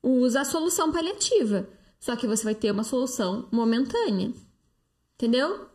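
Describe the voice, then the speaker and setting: A detox coach with a Brazilian Portuguese accent hosts a live stream, recorded close-up on a phone. Her voice is a little high and darkish in tone, expressive and moderately paced, as she answers viewer comments chattily and persuasively with frequent fillers.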